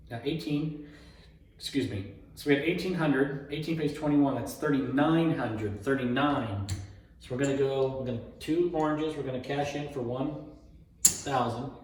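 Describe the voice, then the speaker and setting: A craps player shows a betting approach by calling out rolls, bets and payouts the way a table caller would, quietly tallying and repeating numbers. His voice is mid-range with a darkish tone. The sound is echoey and distant, with faint noise and clicks.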